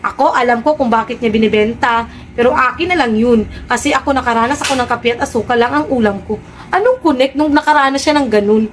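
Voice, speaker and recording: A woman's voice: on the high side, fast, slight background noise. A woman vlogger in casual live-stream commentary, talking to her viewers in a sarcastic way and firing off rhetorical questions.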